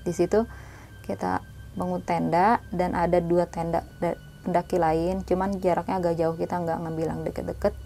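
A young woman casually telling a spooky story in slangy talk, sometimes hushed, sometimes animated. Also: lowish voice, normal speed, gravelly, faint music behind.

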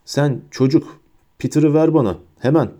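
A man's voice: a little high, moderate pace, warm tone, natural voice. A man voicing a growling, desperate escaped prisoner. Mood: urgent. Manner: growling, urgent. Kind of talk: audiobook character voice.

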